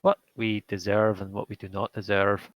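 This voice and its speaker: A man voicing an earnest, steady soldier in a tabletop roleplay, his mic cutting out into glitching audio. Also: fairly low pitch, normal speed, no echo, muffled recording.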